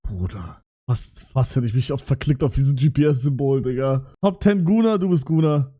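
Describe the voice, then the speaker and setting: A young man streaming live, reacting to messages in loud, excitable, slang-heavy chatter. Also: medium pitch, moderate pace. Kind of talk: casual livestream reaction.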